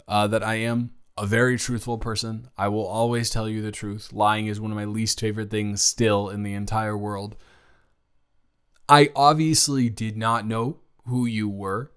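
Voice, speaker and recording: A man's fairly low, clear and resonant voice, close to an everyday speaking voice, carries an improvised romantic audio roleplay. His character is a nervous, smitten young college athlete meeting a childhood friend again, who rambles and stammers earnestly.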